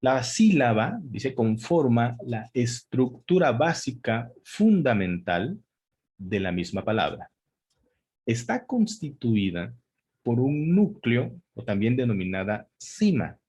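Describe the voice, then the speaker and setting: A man's voice: mid-range voice, lively intonation, takes it slowly, darkish tone, husky. A man teaching a spelling lesson, talking it through with fillers and checks like "¿sale?". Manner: hesitant, many fillers and restarts, checks in with "¿sale?". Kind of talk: spelling lesson, spontaneous explanation.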